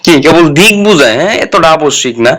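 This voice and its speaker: A man walks through a grammar lesson in a relaxed, colloquial way. He keeps asking his own questions and answering them, and he often checks that his listeners are keeping up. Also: on the high side, fast. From Bangladesh. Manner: repeats points as questions and answers them himself; colloquial, checks in with "ঠিক আছে?". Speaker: Japanese language teacher. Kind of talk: casual explanatory lesson.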